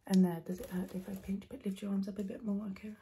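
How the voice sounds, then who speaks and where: A woman doing an ASMR role-play in a soft, breathy ASMR voice, coaxing the listener playfully with repeated trigger words and tingly mouth sounds. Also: little pitch movement, fast talker, slight background noise. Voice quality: soft-spoken, breathy soft voice, often slipping into soft low speech. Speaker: ASMR performer.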